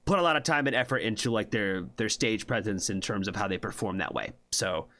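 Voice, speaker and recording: Hosting a music reaction livestream, a man talks loosely and laid-back, swearing freely, dropping lots of fillers and often asking "you know what I mean?" His voice is on the low side, a bit bright, and a little fast.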